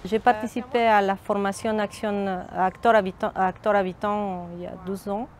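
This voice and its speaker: Middle-aged woman, Mexican Spanish accent, documentary interview, hesitant restarts, mid-pitched voice, faint background noise. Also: fairly even intonation, normal speed. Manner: thoughtful, hesitant, frequent restarts. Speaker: community outreach worker.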